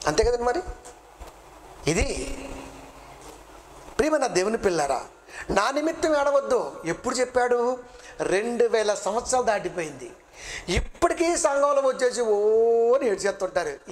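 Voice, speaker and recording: High-voiced preacher firing questions. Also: male voice, animated, a little fast, long pauses, a little hiss or hum. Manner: rhetorical questions, colloquial and blunt. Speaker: preacher and bible college director. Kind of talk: sermon.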